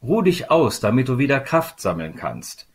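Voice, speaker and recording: A man voicing a small, kind old woman in a storybook reading, gentle and comforting. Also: medium pitch, sing-song, moderate pace, slightly rough, voice pushed up.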